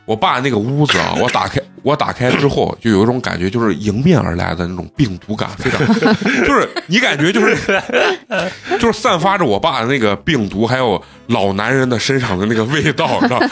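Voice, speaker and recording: A podcast host chats through his stories at a quick clip. His husky voice swings up and down as he goes. He breaks into laughter often. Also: medium pitch, soft background music. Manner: animated, laughs often while telling stories. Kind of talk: casual storytelling chat.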